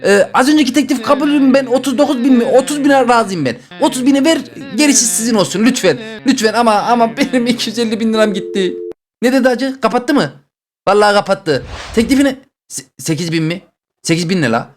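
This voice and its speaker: A man playing an online game show for his channel, joking and reacting loudly as he picks boxes. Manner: excitable, jokey, rapid banter with swings in pitch. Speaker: gaming YouTuber.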